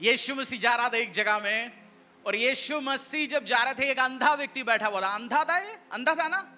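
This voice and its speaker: Male pastor, very high sharp voice, fervent emphatic sermon delivery. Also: lively intonation, normal speed. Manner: fervent, emphatic preaching mixing in English words.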